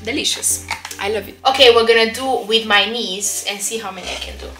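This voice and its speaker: Bright-voiced chatty woman. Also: fairly high pitch, fairly quick, faint music behind. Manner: chatty and upbeat, rambling asides. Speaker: vlogger. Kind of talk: casual product review.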